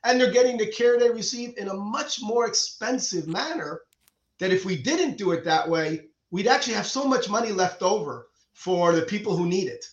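A middle-aged Cuban surgeon talks in a conversational interview, earnestly putting forward his views while repeatedly restarting his sentences. His voice sits high, with lively intonation and a moderate pace. The sound is lo-fi, dull and echoey.

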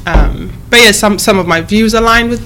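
A woman in her thirties who grew up in East Africa, a guest answering interview questions in a measured, careful way with frequent pauses and restarts. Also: mid-range voice, bright, forceful tone, slight background noise. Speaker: guest, human rights advocate.

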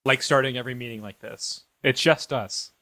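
A man co-hosting a comedy podcast, cracking jokes and bantering through an improvised sketch. His voice is bright and forceful, and the recording is dry and close. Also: mid-range voice, brisk, no echo. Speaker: podcast co-host.

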